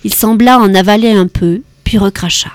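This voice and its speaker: A woman's voice: medium pitch, dry recording. Woman narrating an audiobook, dry and close. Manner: even, measured storytelling. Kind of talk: scripted narration.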